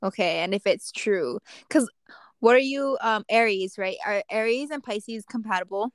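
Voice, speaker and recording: A woman's voice: mid-range voice, normal speed, no room sound. A woman hosting a casual podcast chat, asking teasing questions and steering the talk. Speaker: podcast host.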